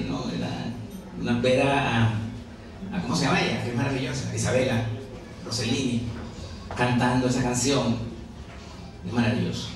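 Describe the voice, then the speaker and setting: A Venezuelan novelist in his forties presents his book to an audience in a busy café, chatting in a self-mocking way and laughing often. His voice is medium-pitched, with slight background noise, an echoey room, a distant mic and crowd chatter.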